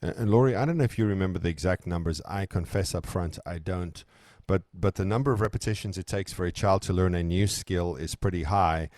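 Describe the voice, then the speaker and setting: A man from South Africa co-hosts a relaxed discussion in a very low, warm voice. He talks things through thoughtfully, often restarting phrases. The sound is dry and close. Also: brisk, dry recording. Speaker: podcast co-host. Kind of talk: conversational discussion.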